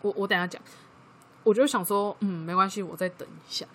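A woman with a Taiwanese Mandarin accent, co-hosting a casual chat podcast and telling a work story in a lively way. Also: mid-range voice, fairly quick, slight background noise. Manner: lively storytelling, acting out quoted dialogue. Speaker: podcast co-host.

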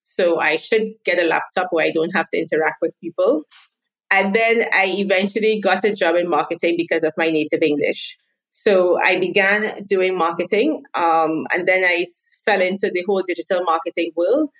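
A woman in her thirties speaks as a podcast guest. She tells stories from her working life in a chatty way, and her voice sits fairly low. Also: moderate pace, poor audio. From Trinidad and Tobago. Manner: chatty storytelling. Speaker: guest, marketing consultant. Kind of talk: podcast interview.

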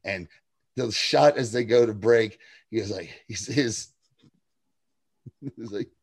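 A man's voice: on the low side, slow pace, creaky, dry recording, studio quality. Rambling, profane male podcast host. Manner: rambling, profane, laughing asides. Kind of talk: casual TV recap chat.

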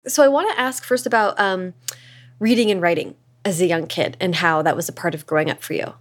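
A woman's voice: on the low side, fairly quick, dry recording. A young woman hosting a podcast, reading sponsor notes and chatting with a guest in a bubbly, enthusiastic way. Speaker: podcast host. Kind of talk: podcast host read and interview.

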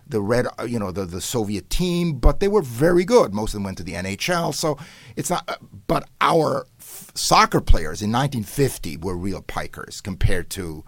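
In a dry recording, an older Hungarian-born professor appears as an interview guest, spinning long, rambling stories full of fillers and restarts. His mid-range voice is quite bright and very animated, at a normal pace, with occasional bursts of extra energy.

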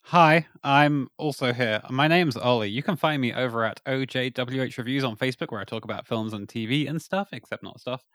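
A man's voice: medium pitch, normal speed, few pauses, a bit bright, dry recording, studio quality. A man playing a tabletop role-play game, chatting in a playful, teasing way. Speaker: player. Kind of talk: casual chat.

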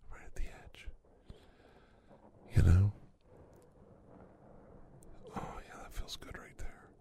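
A man doing an ASMR hand massage role-play, speaking softly and sultrily and often slipping into a whisper. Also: takes it slowly. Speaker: ASMR creator.

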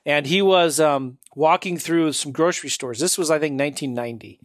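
A man's voice: a little high, fairly quick, dry recording, studio quality. A man hosting a podcast, upbeat and chatty, often laughing as he talks. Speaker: podcast host. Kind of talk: casual interview chat.

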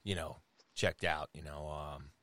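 A man's voice: rumbling low, fairly even intonation, a little slow, pushed and bright. A middle-aged man co-hosting a podcast, chatting casually in an easygoing, rambling, teasing way. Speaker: podcast co-host. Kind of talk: casual chat.

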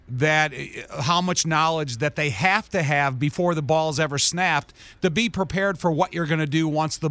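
Higher-voiced earnest football analyst. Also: male voice, fairly bright tone, no room sound. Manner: earnest, explanatory. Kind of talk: sports radio talk.

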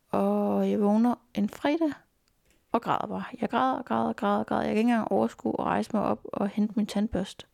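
Interviewee: young adult woman, very gravelly voice, dry close recording, earnest and hesitant. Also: mid-range voice, mellow, no room sound. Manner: earnest, halting retelling. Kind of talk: personal life story interview. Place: indoors at grandparents' home.

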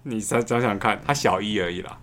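A man, telling a story in a casual podcast chat, fast, repeating words and laughing often. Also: on the low side, a bit bright. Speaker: podcast co-host.

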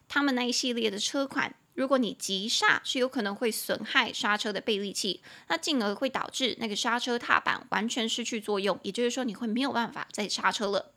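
Young woman, podcast English teacher, bright tense voice, slightly high, lively, spells words out slowly. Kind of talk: casual language lesson.

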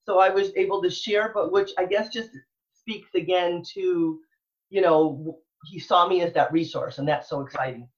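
Her fairly low voice holds a steady tone at normal speed, captured in dull audio. She's a middle-aged elementary school librarian from Texas, being interviewed, speaking enthusiastically, earnestly and emphatically, and often circling back over phrases.

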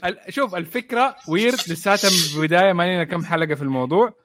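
Man, casual podcast host, relaxed, slightly higher voice, dry sound. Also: racing, dry recording. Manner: relaxed, easygoing, laughs often. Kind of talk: casual chat about anime.

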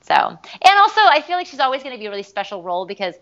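Very fast and high-voiced, this voice actress chats through stories in a casual interview, though the audio's highs are cut off. She leans on "like" fillers constantly and animates the quotes she re-enacts.

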